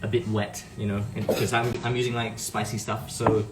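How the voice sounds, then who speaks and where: A man's voice: on the low side, little pitch movement, moderate pace, over music. A man casually explaining a pasta recipe in a home kitchen, hesitant and repeating words as he talks. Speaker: home cook. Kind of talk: casual cooking demo, live. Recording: echoey room, distant mic, loud sizzling. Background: frying and sizzling.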